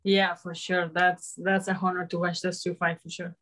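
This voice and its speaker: Young woman fighter, slightly low voice, halting, hesitant, restarts a lot. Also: level tone, a bit bright. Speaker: mixed martial arts fighter. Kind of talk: post-fight interview.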